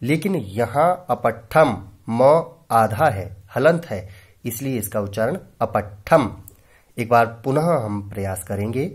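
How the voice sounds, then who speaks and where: Slow, deliberate man reciting Sanskrit drills. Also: medium pitch, animated, breathy edge. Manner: explains step by step and points to the board. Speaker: Sanskrit teacher. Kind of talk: grammar lesson with recited drills.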